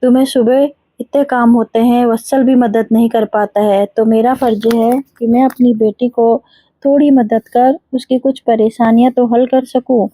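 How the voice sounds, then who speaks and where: In a storybook reading, a woman gives voice to a gentle elderly father-in-law, soft and reassuring. The voice sits a little high and mellow. It is recorded dry and close. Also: flat delivery, moderate pace, no room sound, natural voice. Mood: tender.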